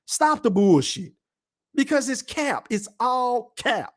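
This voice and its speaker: His voice is very high-pitched and a bit bright, swinging widely in pitch as he takes things slowly. A Texan from Dallas-Fort Worth with a matching accent, he hosts a podcast livestream, reads the chat, and rants casually with profane, blunt views.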